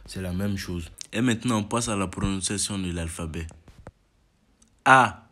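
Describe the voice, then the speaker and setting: A young man calmly explaining an alphabet lesson to viewers. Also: sits low, fairly quick. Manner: calm explaining, voice jumps up loud on each letter called out. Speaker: language teacher.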